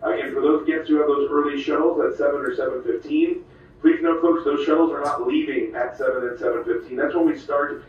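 A man's voice: a little high, steady tone, brisk, dull audio. A man, the cruise director, making a repetitive, reassuring announcement over a ship's public address system. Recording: distant echoey ship loudspeaker.

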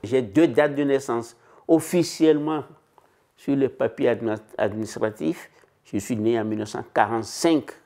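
A man's voice: medium pitch, moderate pace, gravelly, darkish tone. A man in his eighties reflecting on his childhood in an interview at home. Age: 80s. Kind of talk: testimony interview. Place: living room, indoors.

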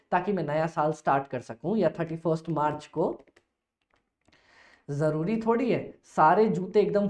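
A male teacher giving an energetic, playful lecture who keeps asking questions and answering them himself in a student's voice. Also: sits high, echoey room.

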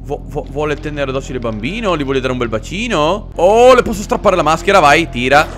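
A man hosting a let's play, narrating his gameplay with jokes and loud, animated exclamations. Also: fairly high pitch, brisk, faint music behind. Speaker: gaming channel host.

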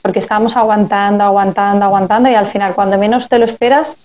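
A woman's voice: mid-range voice, fairly even intonation, quick pace, a little mellow. A woman speaking as a parenting guest in a casual live chat, telling anecdotes and acting out family dialogue.

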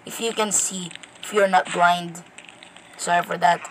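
A woman giving rambling, excitable commentary to viewers while playing a game. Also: lowish voice, unhurried, a little hiss or hum, poor audio. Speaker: gameplay commentator. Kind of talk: casual gameplay commentary.

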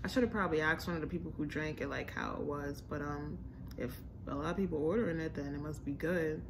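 A young American woman, a food vlogger, talks to camera in an informal, chatty, slangy way while reviewing a restaurant. Her voice is low-pitched and quick. She's indoors in a home room with a staircase, and there's background noise.

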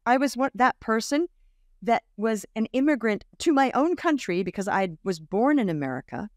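An Australian woman appears as a guest on a video call, animatedly telling stories in a casual interview, acting out quoted voices and laughing often. Her voice runs on the high side at a moderate pace, with no echo and studio quality from a large boom-arm mic in a home room with a bookshelf.

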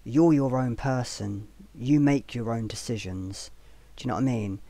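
A man's voice: medium pitch, normal speed, dark tone, dry recording. Man, casual video commentator; rambling delivery with fillers, earnest advice, sarcastic touches. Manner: rambling, with many fillers and restarts. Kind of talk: casual spoken commentary to viewers.

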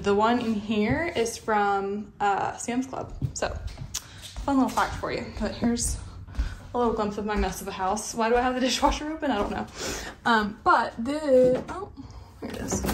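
Her voice is a little high and background noise can be heard. She is a lifestyle vlogger giving a casual, rambling walk-through of her house, filmed on a phone camera held on a stick, joking at her own expense and repeatedly trailing off and picking back up.

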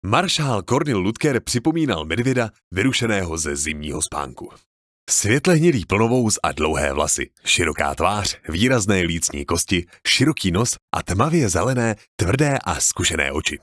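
Deep, expressive male narrator. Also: no room sound, studio quality. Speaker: audiobook narrator. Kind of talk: scripted narration.

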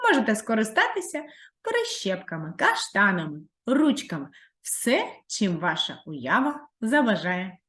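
Animated woman teaching small children. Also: mid-range voice, reverberant. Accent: Ukrainian. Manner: sing-song, drawn-out, encouraging teacher voice. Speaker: primary school teacher. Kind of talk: video lesson for young children.

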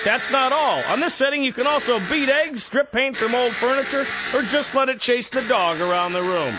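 A man doing an over-the-top infomercial pitch, his voice swinging up and down as he piles on deadpan innuendo. His voice is fairly high, and a loud music bed runs behind him. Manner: hyped salesman patter with deadpan innuendo. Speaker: spoof commercial announcer.

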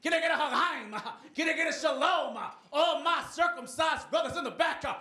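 A man voicing a hyped-up male rabbi who preaches like a gospel preacher, shouting call-and-response lines to his congregation. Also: very high voice, normal speed, echoey room, voice pushed up. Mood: hype shouting.

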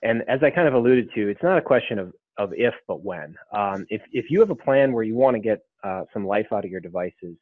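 A man's voice: lowish voice, animated, fairly quick, few pauses, no room sound. A man answering audience questions in a webinar, explaining at length with frequent ums and restarts. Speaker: webinar panelist. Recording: phone-like dry line.

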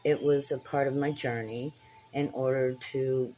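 A woman's voice: a bass voice, fairly even intonation, measured pace, mellow, a little hiss or hum, low-quality recording. A woman in her sixties talking earnestly to a phone camera in a small dim room, preaching directly to her viewers. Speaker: spiritual tarot vlogger. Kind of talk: casual talk to camera. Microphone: phone camera at arm's length.

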